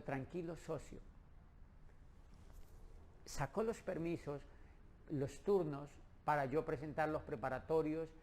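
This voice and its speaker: A middle-aged man from Colombia, telling his own story in a lively way and acting out the lines of the people in it. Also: on the high side, creaky. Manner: lively storyteller who acts out quoted dialogue. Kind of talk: animated personal storytelling.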